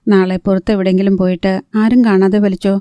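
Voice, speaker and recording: A woman's voice: mid-range voice, flat delivery, a little fast, warm tone, smooth, no echo, lightly acted. A woman reading the part of an anxious, practical young woman who pleads earnestly and keeps her voice down. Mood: pleading.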